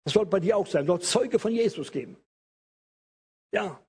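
Husky high-voiced older male preacher. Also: lively intonation, normal speed, darkish tone. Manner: emphatic, repeats phrases and stretches key words. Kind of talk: evangelical sermon.

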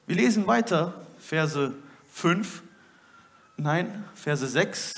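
A man preaching a sermon from a church stage, swinging between loud urging and quiet, intimate asides. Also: a little high, lively intonation, very slow, creaky. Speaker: pastor.

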